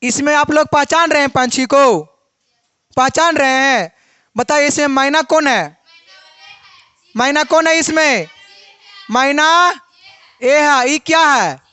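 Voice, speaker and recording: A woman teacher leads a biology class. She speaks in a high, unhurried voice and keeps asking her students questions before she answers them herself. The recording is dry and close. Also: sharp tone, no echo.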